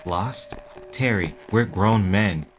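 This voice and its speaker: A man's voice: on the low side, slow, soft background music. A man voicing a nervous, joking young sidekick who whispers slangy wisecracks.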